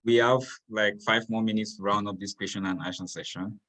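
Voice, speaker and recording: A man's voice: lowish voice, steady tone, brisk, fairly bright tone. A man, moderating a webinar over a video call in an easygoing way. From Cameroon. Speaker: webinar host.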